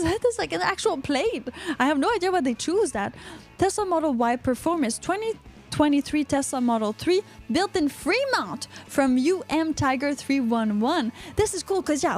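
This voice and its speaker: A woman's voice: high-pitched, a little mellow. A woman from Quebec with a Québécois French accent, hosting a casual live podcast and chatting through viewer comments, often repeating words as she reads. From Quebec, Canada. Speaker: podcast host reading live chat. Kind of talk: casual livestream chat.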